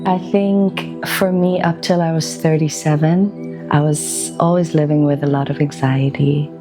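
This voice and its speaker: A woman in her forties from Belgium speaks in a low, even voice that barely rises or falls. She talks slowly and gently, pausing between thoughts like a documentary narrator. Music plays clearly beneath her voice-over. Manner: slow, gentle and reflective, with pauses. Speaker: wellbeing practitioner.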